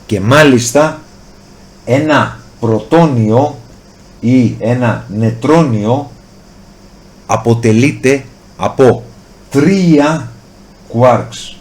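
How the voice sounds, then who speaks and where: A man's voice: medium pitch, expressive, darkish tone. Greek man teaching chemistry. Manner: asks questions and answers them himself; stretches key words slowly for emphasis. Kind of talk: explanatory lesson, addressing the student directly.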